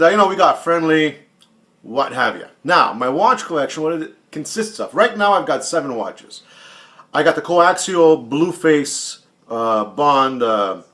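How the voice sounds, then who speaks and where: His voice is a little high, bright and forceful. He's a YouTube watch channel host in his late forties answering another vlogger's questions in a casual, blunt manner, heavy on profanity and taunts, often saying things twice for emphasis.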